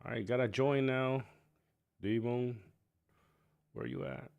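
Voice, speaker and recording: Male stream host, gravelly and low, dry close sound, chatty and loose. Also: steady tone, slow pace, dry recording, muffled recording. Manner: chatty, talks to himself while setting up. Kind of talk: casual livestream chat.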